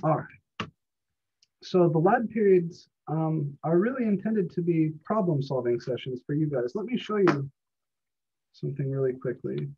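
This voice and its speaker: A man teaching a college math class live online from home, relaxed and encouraging, with many fillers. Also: on the high side, normal speed, a little hiss or hum. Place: home, on a video call. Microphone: computer mic on a video call. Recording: dull lo-fi video call audio.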